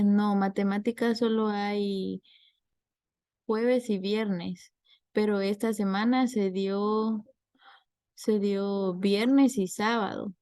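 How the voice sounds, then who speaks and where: Slow, gravelly woman tutor. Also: mid-range voice, darkish tone, dry recording. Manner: patient, explains step by step with examples. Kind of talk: online tutoring class.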